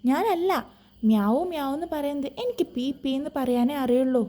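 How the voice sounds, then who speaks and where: Give me a woman playing a timid little cartoon mouse, mellow and lively, squeaking. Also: moderate pace. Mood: pleading. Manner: pleading, squeaky. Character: small timid male mouse who squeaks.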